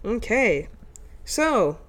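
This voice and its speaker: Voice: mid-range voice, big pitch swings, very slow, fairly bright tone. A giggly co-host chatting casually with a friend and laughing often. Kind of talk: casual chat.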